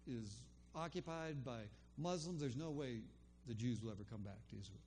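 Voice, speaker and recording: Here the older man's voice is mid-range and darkish, moving at a normal speed over a little hiss or hum. He loosely recounts a faith conversation as casual spoken testimony, often restarting and saying um.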